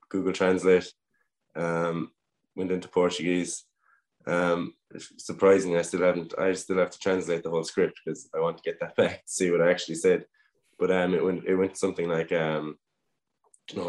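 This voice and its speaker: A young Irish man tells a story for an interview in a deep, very flat voice. He talks quickly and relaxed, leaning on "um" pauses as he recalls events. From Ireland. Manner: relaxed, anecdotal, frequent "um" pauses. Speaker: guest footballer.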